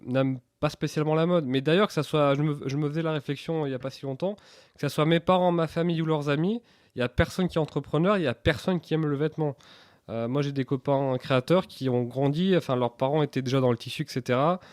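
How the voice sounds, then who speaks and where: A man's voice: fairly high pitch, fast, dry recording, clean studio sound. A man, giving candid interview answers earnestly and hesitantly, often repeating words mid-sentence. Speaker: interview guest, entrepreneur.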